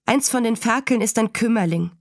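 A woman voicing a farm mother who talks calmly and firmly. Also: on the high side, fairly quick, no echo, clean studio sound. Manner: calm and firm. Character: firm, matter-of-fact farm mother.

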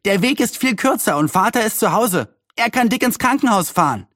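Man doing a helpful kid from next door, eager and quick, pitched high. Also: lively intonation, fairly bright tone, dry recording, studio quality. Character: helpful, eager neighbor boy.

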